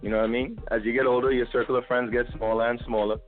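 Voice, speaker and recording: A man's voice: medium pitch, little pitch movement. A man guesting on a call-in talk show, joking and laid-back, speaking over the phone with a Brooklyn accent. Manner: laid-back, joking, talks fast with restarts. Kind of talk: casual chat on a call-in show. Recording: tinny phone line with faint music behind.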